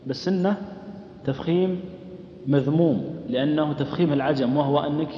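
A man's voice: on the high side, steady tone, moderate pace, a little hiss or hum. Man teaching in an echoey hall. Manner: questions listeners often and chants short examples. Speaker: teacher of Quran recitation rules. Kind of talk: explaining a lesson to a class. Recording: echoey hall, dull lo-fi sound.

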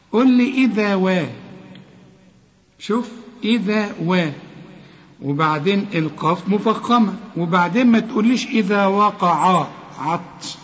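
A man with an Egyptian accent teaching tajweed, slowly repeating sounds, correcting pronunciation and chanting verses. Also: high voice. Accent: Egyptian Arabic. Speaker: Quran recitation teacher. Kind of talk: tajweed lesson with recited examples. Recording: long reverb, dull lo-fi sound.

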